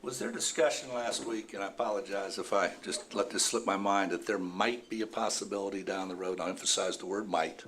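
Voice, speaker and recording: Deep-voiced councilman asking a hedging question. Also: fairly quick, few pauses, a bit bright, a little hiss or hum. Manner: tentative, hedging. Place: city council chamber.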